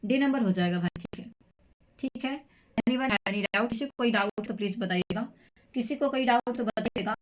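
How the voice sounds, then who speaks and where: Woman, from Madhya Pradesh, quiz teacher, live stream, repeats answers, coaxing, mid-pitched voice. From Madhya Pradesh, India. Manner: repeats answers several times, friendly and coaxing. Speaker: quiz teacher for exam prep. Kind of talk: live-streamed quiz class with chat greetings. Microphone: device mic after removing her own microphone.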